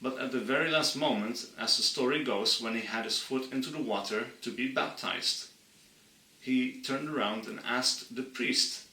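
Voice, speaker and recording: A man from Friesland, earnestly explaining history to his channel's viewers and slowing down to stress key points. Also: mid-range voice, creaky, bright, forceful tone, echoey room, distant mic, poor audio. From Friesland, Netherlands. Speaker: channel host. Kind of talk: explainer monologue.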